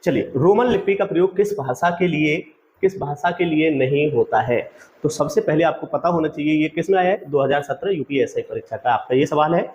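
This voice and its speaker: Man, fairly high voice, quiz-style lecture, asks then repeats answers, dull lo-fi sound, faint background hum. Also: fairly quick, a little mellow. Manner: calls the audience friends. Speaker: exam-prep teacher.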